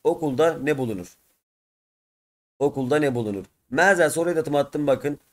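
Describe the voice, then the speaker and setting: A hoarse man walks through a textbook lesson, reading short phrases and translating each word as he goes. His voice sits a little high for a man and has a rough edge to it. He speaks to his students as friends. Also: moderate pace. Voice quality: rough-edged. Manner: reads Arabic phrases then translates them word by word, addressing students as friends. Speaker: teacher.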